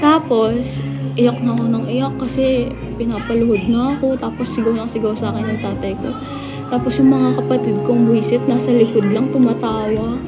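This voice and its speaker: Young Filipina streamer, high voice, animated storyteller who acts out the voices, music under her voice. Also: normal speed. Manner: animated, acts out family members' shouting. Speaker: livestream host. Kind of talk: casual storytelling to a live chat.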